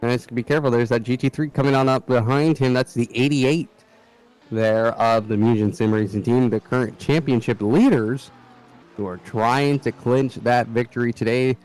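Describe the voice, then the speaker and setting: A man's voice: mid-range voice, steady tone, normal speed, a little mellow, low-quality recording. A man with an American Midwestern accent giving laid-back, chatty live commentary on a sim race.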